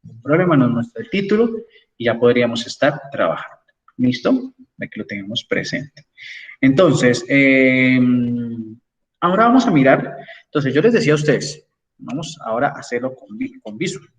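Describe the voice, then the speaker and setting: A man's voice: mid-range voice, sing-song, normal speed, recorded from a distance, muffled recording. A man lecturing an engineering class online, explaining step by step and checking in with his students as he goes. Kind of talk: online class with screen sharing.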